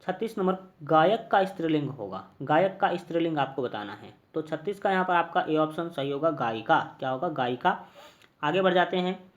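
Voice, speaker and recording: A man's voice: a little high, lively intonation, moderate pace, lo-fi sound. Bihari Hindi man drilling exam answers. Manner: repetitive, drills answers, many fillers. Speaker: teacher. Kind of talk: exam-prep lesson.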